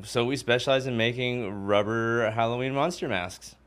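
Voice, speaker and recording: A man's voice: medium pitch, normal speed, a bit bright. A man chatting casually and jokingly as a show guest.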